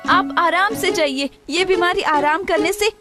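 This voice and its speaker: A woman's voice: very high-pitched, a little slow. Woman voicing a flustered young daughter-in-law. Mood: pleading. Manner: frantic, talks to herself. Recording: music in background.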